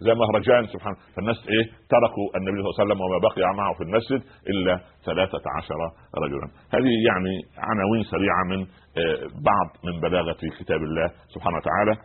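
An Egyptian man talks through scripture at a breakneck clip, his voice husky and pitched low. He keeps posing rhetorical "what?" questions and tripping over restarts. It all comes through a narrow, phone-like radio band. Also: racing. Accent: Egyptian Arabic. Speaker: radio religious scholar taking calls. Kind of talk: radio Quran commentary with call-ins.

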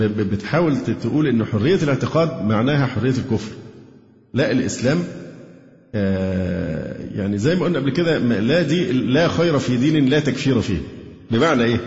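Fast-talking Egyptian man lecturing. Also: mid-range voice, darkish tone. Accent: Egyptian Arabic. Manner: explanatory, asks rhetorical questions and answers them. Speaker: Islamic lecturer. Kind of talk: religious lecture. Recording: echoey hall, dull lo-fi sound.

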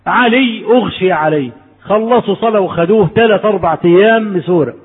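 Husky Egyptian preacher in echoey hall. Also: male voice, sits high, fairly quick, phone-quality sound. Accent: Egyptian Arabic. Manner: storytelling, rhetorical questions to the audience. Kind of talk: conversational sermon.

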